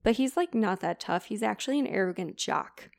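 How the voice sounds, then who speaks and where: Chatty woman with a gravelly edge. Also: medium pitch, expressive, brisk. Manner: chatty, filler-heavy, lots of "like". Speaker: podcast co-host retelling a classic story. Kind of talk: casual chat retelling.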